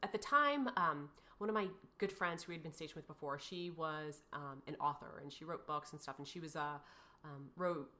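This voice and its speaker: A woman in her thirties tells a painful personal story as an interview guest. Her voice sits a little low but sounds bright and forward. She rambles, circles back and fills gaps with "you know" and "like.". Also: moderate pace. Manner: emotional, rambling, many fillers and restarts.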